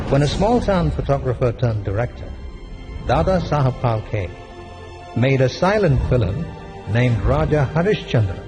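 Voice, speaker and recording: A man reading a scripted documentary narration in a measured, formal way. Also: medium pitch. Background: music.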